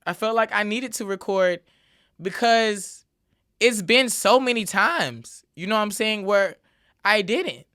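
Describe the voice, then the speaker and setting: A woman's medium-pitched voice comes across expressive, pushed and bright as she hosts her podcast solo at a measured pace. The monologue is casual and emphatic, packed with repeated filler tags.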